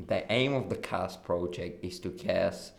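A man's voice: deep voice, normal speed, gravelly. A teenage boy from Bulgaria, explaining a school project as a podcast co-host. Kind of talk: casual explanation. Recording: echoey room.

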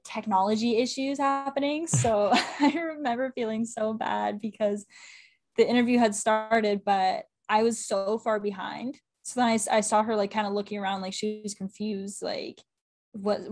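A young woman from Canada, chatting enthusiastically as an interview guest, full of fillers and quick laughs. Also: mid-range voice, a little mellow. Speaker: guest, women's football correspondent. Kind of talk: casual interview chat.

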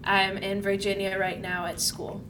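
A woman's voice: medium pitch, monotone, moderate pace, a bit bright, reverberant, recorded from a distance, a little hiss or hum. A nineteen-year-old woman from California, a podcast co-host speaking in short, dry remarks. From Los Angeles, California. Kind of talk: casual chat.

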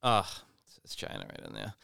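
A man co-hosting a trade podcast, chatting casually and teasing his co-host in quick back-and-forth banter. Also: sharp tone, no echo, studio quality.

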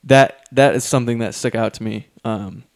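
A man's voice: medium pitch, steady tone, a little fast, dry recording, clean studio sound. A man co-hosting a casual podcast, reading Bible passages aloud between many ums and restarts, a little out of breath. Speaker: podcast co-host.

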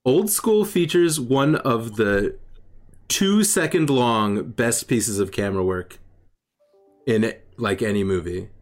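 A man's voice: medium pitch, animated, slow pace. A man hosting a casual podcast chat, loose and jokey, laughing often. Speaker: podcast host.

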